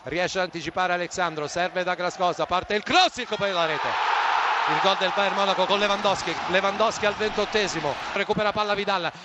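High-pitched man, breathless football goal commentary. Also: brisk, heavy background noise. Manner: breathless, excited play-by-play, shouting at goals. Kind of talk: live Italian-style goal commentary.

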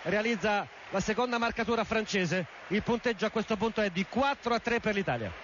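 Male football radio commentator, very high-pitched, dramatic and emphatic; muffled lo-fi sound with faint noise. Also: a little fast. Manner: emphatic, repeats key phrases, clipped build-up to excited cries. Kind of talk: live Italian goal commentary, dramatic. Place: stadium commentary position in Berlin.

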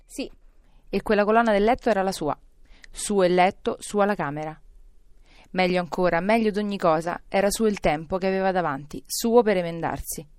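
A woman narrating a classic novel as an audiobook, in an expressive, theatrical storytelling manner. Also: medium pitch, moderate pace, smooth, no room sound.

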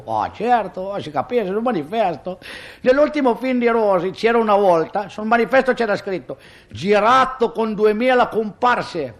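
Comic monologist, high voice, self-mocking patter. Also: male voice. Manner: chatty, self-mocking, exclamatory asides.

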